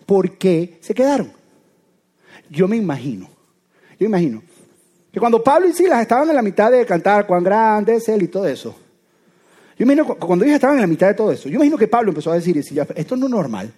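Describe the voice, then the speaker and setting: A man delivers a sermon in a high voice that climbs and dips freely. He keeps it conversational and animated, firing off rhetorical questions at his listeners. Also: fast, pauses often, slightly rough. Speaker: preacher.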